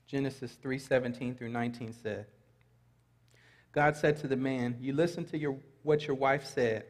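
With a steady, mid-range voice at a moderate pace, a middle-aged pastor reads scripture aloud to his congregation and adds light asides. His sermon rings with the long reverb of a large church hall.

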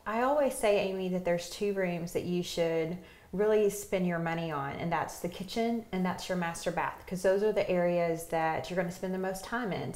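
A woman's voice: lowish voice, darkish tone, roomy sound. A middle-aged woman hosting a home-design TV segment, an enthusiastic interviewer, recorded on a lapel mic inside a bathroom. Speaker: TV show host.

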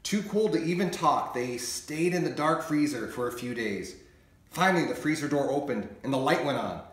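An expressive man reading a children's story aloud, his slightly high voice swinging widely in pitch. He tells it with an animated storyteller's manner. The recording has a noticeable echoey room. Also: moderate pace. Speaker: meteorologist and author reading his book.

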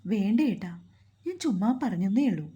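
A woman's voice: mid-range voice, animated, moderate pace, warm tone, slightly rough, highs cut off. A woman voicing a playful, coaxing young wife.

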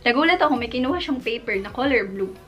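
A woman's voice: a little high, animated, fast, muffled recording, faint music behind. A young Filipino woman with a Filipino accent, a beauty vlogger chatting casually and animatedly through a personal story, with plenty of fillers. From Philippines.

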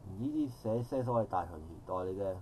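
At an outdoor park forum, a middle-aged Hong Kong Cantonese-accented man from the audience delivers a long, rambling public comment, using formal phrasing and correcting himself often. His voice sits on the low side with a dark tone, and he talks fast and animatedly. The recording is low quality with slight background noise.

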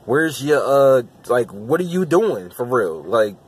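A young man giving casual commentary to his viewers, with loose, repetitive slang, getting louder and higher as he argues. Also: very animated, slow pace, slightly rough. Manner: loose, repetitive slang, rising heat when arguing. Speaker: vlogger.

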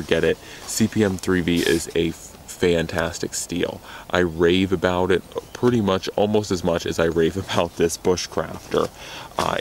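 A man's voice: sits low, vocal fry, slight background noise. A young American man reviewing knives outdoors in the snow in a rambling, enthusiastic way that often corrects itself. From United States. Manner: rambling, self-correcting, enthusiastic about gear. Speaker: knife reviewer. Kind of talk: casual gear review.

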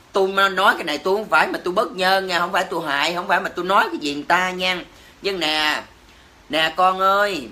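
A man with a Southern Vietnamese accent and a high, sharp voice rants indignantly at his livestream viewers. It's a heated tirade full of cursing and exclamations.

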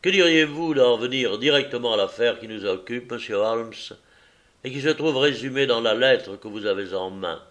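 A man voicing a touchy middle-aged foreign visitor who speaks loudly and insistently in an audiobook reading. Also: medium pitch, lively intonation, moderate pace, natural voice. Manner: loud, insistent, slightly suspicious.

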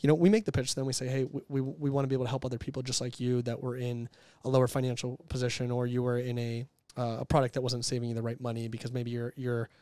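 Fast-talking candid man in his thirties. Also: mid-range voice, clear, resonant tone, no room sound. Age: 30s. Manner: candid, animated, with restarts and acted-out quotes. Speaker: entrepreneur guest. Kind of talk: casual interview talk.

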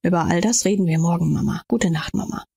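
A woman reading an audiobook, voicing a curt, impatient young man who talks in a brisk, clipped way. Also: fairly low pitch, creaky, mellow, slightly rough.

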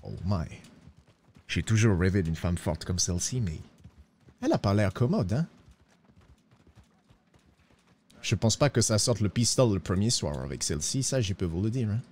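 A man's voice: lively intonation, a little fast, darkish tone. A man playing a broke, bumbling cowboy with a put-on accent in a western roleplay, talking theatrically and tacking 'hein' onto his lines. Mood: chatty. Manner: theatrical, sliding pitch, tacks 'hein' on lines. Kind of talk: in-character roleplay.

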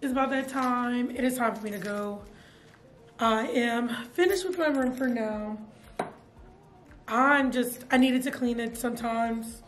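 Chatty young teacher with a lilt. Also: female voice, on the high side, unhurried. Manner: chatty, animated, filler-heavy. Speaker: middle school science teacher. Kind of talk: casual vlog chat. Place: classroom, indoors.

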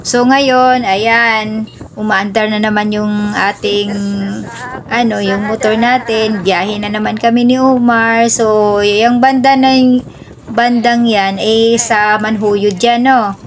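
A woman's voice: a little high, steady tone, slow pace, slight background noise. A woman with a Visayan accent who speaks Cebuano natively, narrating a casual travel vlog while riding on the back of a motorbike outdoors. She rambles in a chatty way and mixes in road-safety advice. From Visayas, Philippines. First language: Cebuano (Bisaya). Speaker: vlogger.

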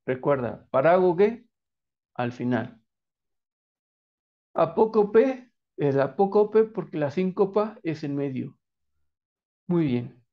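A man's voice: a little high, lively intonation, slow, pauses often, highs cut off. A man with a Mexican accent teaching a lesson in quiz style, answering his own questions and praising the viewer. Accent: Mexican Spanish.

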